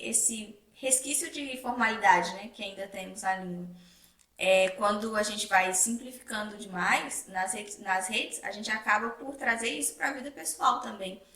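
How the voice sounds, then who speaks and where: Young woman cohost, slightly high bright voice, echoey room and sits back from the mic. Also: far from the mic. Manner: relaxed, agreeable, thinks aloud. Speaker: co-host. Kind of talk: casual conversational chat.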